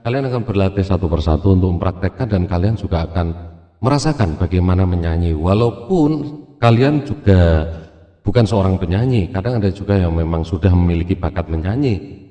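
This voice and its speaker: A man teaching an arts and culture lesson in a relaxed, chatty way, with asides and little laughs. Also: fairly low pitch. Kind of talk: recorded classroom lesson. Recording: dull lo-fi sound with long reverb.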